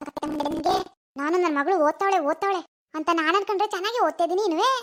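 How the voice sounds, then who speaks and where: A woman voicing a furious village mother who scolds her teenage daughter in rapid, shrill bursts full of insults. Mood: angry scolding.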